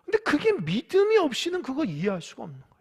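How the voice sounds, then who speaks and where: A male pastor preaching a sermon, swinging from loud urging to hushed whispers and asking the congregation questions. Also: extremely high pitch, huge pitch swings, quick pace, husky. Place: church sanctuary.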